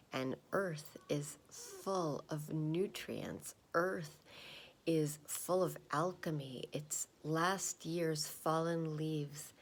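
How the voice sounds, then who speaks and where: A woman calmly guiding a grounding exercise in an unhurried, soothing way with pauses, her breathy voice often dropping close to a whisper. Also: low voice, a little hiss or hum. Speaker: guided meditation leader. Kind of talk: calm guided grounding exercise.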